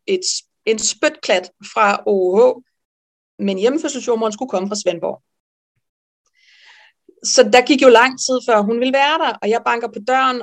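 A woman midwife telling a personal story in an interview, lively and animated, with frequent fillers. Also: a little high. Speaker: midwife guest.

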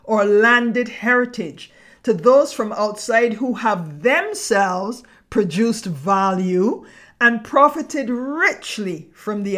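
Middle-aged Barbadian woman, essayist host; reads her script slowly and deliberately, with poetic phrasing, at a mid pitch. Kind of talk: scripted reflective narration.

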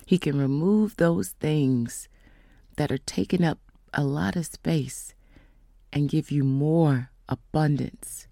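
A woman telling a faith testimony in a casual storytelling way, slowing down and dropping to whispers for emphasis. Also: sits low, vocal fry, mellow, dry recording, studio quality. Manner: storytelling, acts out quoted voices; slows down for emphasis, drops to whispers. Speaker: speaker giving a testimony.

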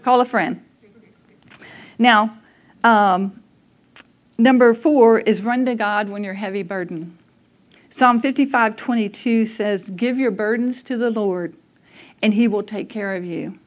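A woman's voice: mid-range voice, takes it slowly, pauses often. A woman preaching a conversational sermon, telling personal stories candidly and laughing at herself. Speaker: speaker at a church service.

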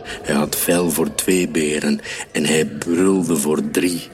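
A man reading a children's story aloud in a calm, measured way. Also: a bass voice, a little hiss or hum. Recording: reverberant room with soft music.

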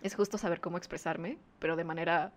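A woman's voice: on the low side, fairly even intonation, fast talker. Woman in her twenties, podcast co-host, chatty, laughs often. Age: 20s. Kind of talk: casual chat.

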